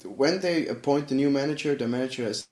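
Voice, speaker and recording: Male football pundit on a remote call that cuts out mid-sentence; blunt, casual, middle pitch, echoey room. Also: brisk, a little mellow. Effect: remote call audio cutting out.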